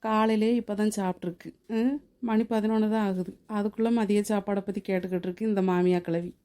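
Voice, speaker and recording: A woman voicing a sharp-tongued young daughter-in-law in a cartoon who mutters sarcastic asides. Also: mid-range voice, steady tone, fairly quick, natural voice.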